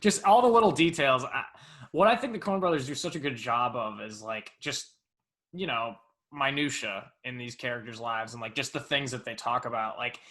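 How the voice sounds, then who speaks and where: A young man with a bright, forceful tone chats about films with real enthusiasm. He rambles and restarts his sentences and swears casually, like a podcast co-host among friends. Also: medium pitch, normal speed. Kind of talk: casual chat.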